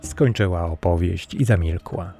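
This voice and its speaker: A man reading a fairy tale as scripted storybook narration, calm and even. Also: deep voice, measured pace, soft background music. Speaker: audiobook narrator.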